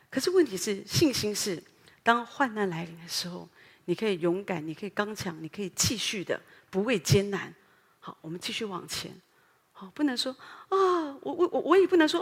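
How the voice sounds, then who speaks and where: Husky-voiced woman pastor preaching in a hall. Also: mid-range voice. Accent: Taiwanese Mandarin. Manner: earnest, animated preaching with many fillers and rhetorical questions. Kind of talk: sermon. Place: church sanctuary. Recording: long hall reverb.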